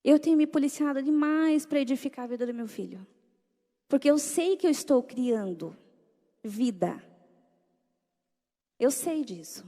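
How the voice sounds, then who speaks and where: High, mellow-voiced woman preaching in a hall. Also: unhurried, pauses often. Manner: animated, rhetorical questions to the audience. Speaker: speaker at a church gathering.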